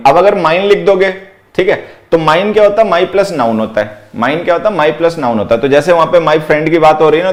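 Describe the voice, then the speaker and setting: Man teaching grammar, slightly high voice. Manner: explains step by step, repeating key phrases; slows right down to dictate example sentences. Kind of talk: exam-prep grammar lesson.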